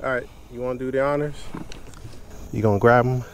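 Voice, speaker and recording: A young man vlogs from a kayak on a lake, fishing and talking excitedly to the camera through a body-worn action cam. His medium-pitched voice is brisk, with crowd noise in the background.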